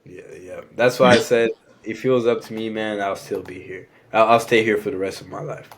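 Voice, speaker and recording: A young Rwandan man chats as a podcast guest in a fairly low voice with little pitch movement, speaking a little fast. He speaks French alongside his first language, a Rwandan language, and keeps saying "you know what I'm saying" in this casual conversation.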